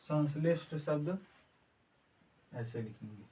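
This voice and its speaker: Guy teaching a class, super slow, says every word again and again, mic kinda far off. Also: on the high side, lively intonation, warm tone. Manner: slow, repeats each word several times while writing. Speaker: Hindi teacher. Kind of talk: exam prep lesson, word-by-word spelling drill. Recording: distant mic with faint background noise.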